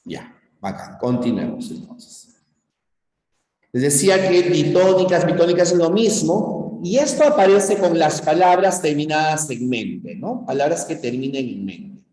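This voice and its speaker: Warm-toned and a little high, this Peruvian teacher moves at a measured pace with lively intonation through a pre-university grammar class. He stresses points emphatically, keeps asking "¿ya?" and "¿no?", and his Peruvian Spanish echoes through a room with long reverb.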